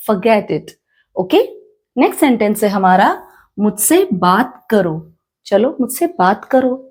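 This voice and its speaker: A woman with an Indian accent teaching a spoken English lesson, slowly repeating each phrase and quizzing the learners. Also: a little high, a little mellow, husky. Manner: slow, repeats each phrase, asks the class questions.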